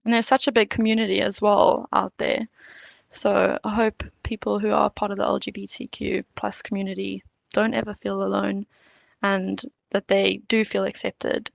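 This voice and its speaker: A woman's voice: mid-range voice, little pitch movement, moderate pace, vocal fry, no room sound, muffled recording. A woman hosting a podcast, giving upbeat, encouraging introductions and questions. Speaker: podcast host.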